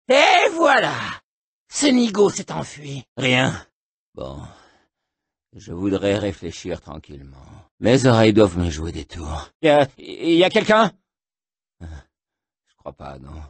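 A raspy, unhinged burned splicer. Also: male voice, mid-range voice, sing-song, takes it slowly, dry recording, exaggerated voice. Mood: jittery paranoia. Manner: swings between ranting shouts and muttering. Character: unhinged burned male splicer, paranoid and volatile. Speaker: video game character voice. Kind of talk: game voice acting.

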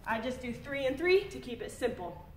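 High-voiced woman cueing a workout. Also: sing-song, normal speed, a little mellow. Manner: clear step-by-step cueing. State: slightly out of breath. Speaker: fitness instructor. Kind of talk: workout instruction. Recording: echoey room, distant mic, faint rumble.

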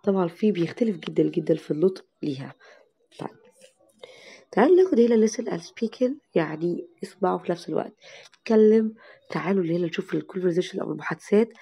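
A young woman with an Egyptian Arabic accent teaching an English lesson to parents, stretching out English words slowly to show how they are said. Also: fairly low pitch, lively intonation, dark tone, breathy edge. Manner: slow, drawn-out model pronunciation of English words.

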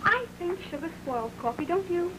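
A woman's voice: extremely high pitch, expressive, moderate pace. An actress playing a slangy, playful young working-class American woman in an early talkie. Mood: playful, chatty. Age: young adult. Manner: slangy, chatty. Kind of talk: early talkie film acting. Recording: noisy old film soundtrack.

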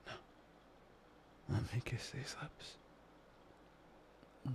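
A man voicing a possessive, obsessive young man in a whispered audio roleplay, murmuring slowly and breathily. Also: noisy background. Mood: adoring. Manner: murmuring, intimate, slow and breathy.

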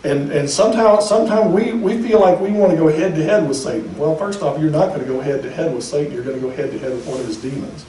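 A man preaching in a mellow, fairly high voice, emphatic one moment and chatty the next. He is heard from a distance in a roomy church hall with audible echo. The delivery is a pastor's sermon. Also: quick pace, hardly any pauses, a little hiss or hum. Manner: emphatic, conversational preaching with speculative asides.

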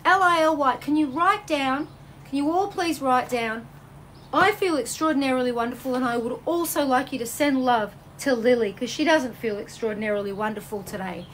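A woman hosting a live stream as a psychic medium, reading out viewer comments with bubbly, effusive energy that swings between high exclamations and low soothing tones. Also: normal speed, fairly bright tone, slight background noise. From Australia.

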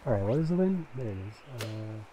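A man's voice: lowish voice, sing-song, fairly quick, highs cut off. A man giving casual commentary as he plays a golf game, thinking aloud about wind and shots. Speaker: gaming video host.

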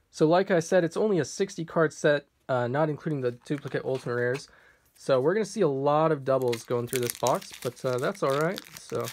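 A relaxed man with a fairly high, slightly hoarse voice reads off card names as he opens packs at an indoor table. He clears his throat now and then during this casual unboxing commentary.

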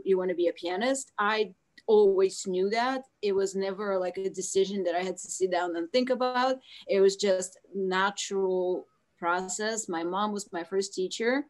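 Woman, Russian accent, guest pianist, video call, reflective. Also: medium pitch.

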